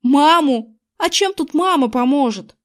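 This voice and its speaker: A nervous, flustered young boy who trips over his words, as a woman reads him. His voice sits a bit higher than a plain reading voice, as in a children's audiobook. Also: lively intonation, measured pace.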